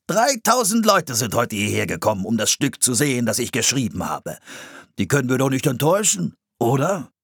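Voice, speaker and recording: Eager male playwright, read by a man; lively, husky, coaxing. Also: mid-range voice, normal speed, dry recording, clean studio sound, pitched above the performer's own voice, heavily acted. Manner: enthusiastic, coaxing. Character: excitable adult male playwright, eager and persuasive.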